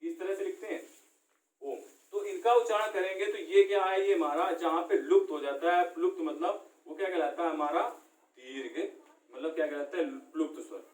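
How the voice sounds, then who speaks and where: High-voiced male teacher in an echoey room. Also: normal speed. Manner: asks questions and answers them himself. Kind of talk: classroom lesson. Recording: echoey room, far from the mic.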